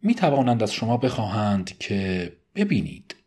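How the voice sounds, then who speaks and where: Man voicing a tired, kindly prison priest for an audiobook; earnest and pleading, lowish voice. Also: sing-song, darkish tone. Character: weary, gentle male prison priest.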